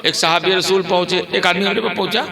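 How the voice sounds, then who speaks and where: A man's voice: high-pitched, steady tone, quick pace, gravelly. A man preaching a storytelling sermon, colloquial and joking with dramatic build-ups. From Gonda region, Uttar Pradesh. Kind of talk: storytelling sermon at a religious gathering. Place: outdoor religious gathering with crowd. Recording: crowd audible at open-air gathering.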